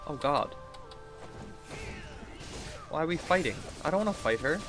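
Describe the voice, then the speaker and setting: Sitting indoors at a computer desk, a gaming video host in his thirties offers casual, rambling let's play commentary and thinks aloud while playing. He sounds a little high, expressive and unhurried, speaking over music.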